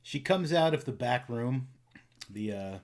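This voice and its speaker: A man's voice: mid-range voice, expressive, measured pace. Man narrating as game master, hesitant. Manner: casual, hesitant with fillers.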